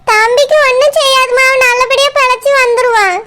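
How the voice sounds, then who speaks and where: A woman voicing a gentle helper who soothes a crying mother, with a Kanyakumari Tamil accent. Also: very high voice, fairly even intonation, a little fast, echoey room, far from the mic. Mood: soothing. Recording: loud background noise.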